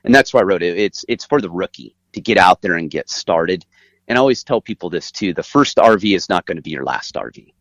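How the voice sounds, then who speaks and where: A man's voice: sits low, animated, a little fast, fairly bright tone, no room sound, lo-fi sound. A man giving emphatic, conversational explanations as an interview guest, recorded inside an RV. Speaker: guest author.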